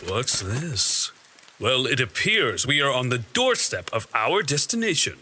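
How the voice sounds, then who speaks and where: In a fantasy audio drama, a man voices a stern, watchful lord guiding his companion, speaking in formal, commanding, archaic language with a composed mood. His mid-pitched voice swings widely, moves at a measured pace, and sounds pushed and bright, very heavily acted, with slight background noise.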